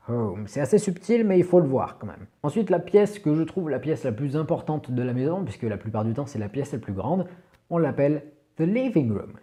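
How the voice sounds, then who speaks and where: A man with a warm voice on the high side, whose native language is French, patiently teaches English pronunciation in a video lesson, slowly repeating each word.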